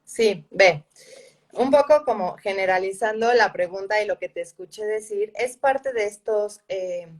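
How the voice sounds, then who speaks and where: A woman psychologist and coach, a guest on a casual podcast, explaining calmly. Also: medium pitch, unhurried, distant mic.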